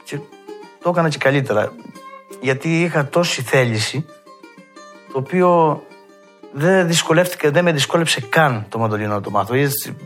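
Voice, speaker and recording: A man with a Cretan accent, a mandolin player telling stories from his past and acting out old conversations in a lively way. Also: medium pitch. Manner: lively storyteller who acts out past dialogue. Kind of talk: reminiscing storytelling.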